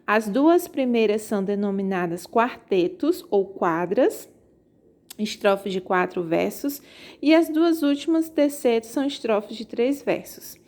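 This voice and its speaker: Woman teacher going through poetry, slightly high voice, slow careful explaining, keeps checking everyone follows. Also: expressive, a little mellow. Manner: explains slowly, checks in with "tá certo?"; reads verses aloud slowly. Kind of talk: remote class lesson.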